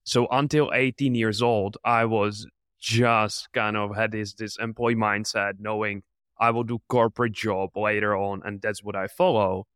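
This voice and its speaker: A man's voice: on the low side, fairly even intonation, a little slow, fairly bright tone, clear, resonant tone, dry recording, clean studio sound. A man in his twenties from the Czech Republic, an entrepreneur answering interview questions in an earnest, motivational way. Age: 20s. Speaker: podcast guest, entrepreneur.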